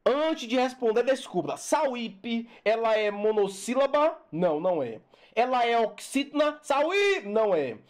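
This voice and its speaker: Playful, animated exam-prep teacher. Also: medium pitch. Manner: playful, animated, talks straight to the student with repeated calls for attention; repeats rules like a chant. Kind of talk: online grammar lesson.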